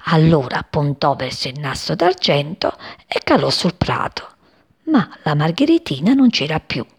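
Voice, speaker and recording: Low, gravelly woman reading a story. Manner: dramatic, slows and hushes for sad moments. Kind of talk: expressive reading of a children's story.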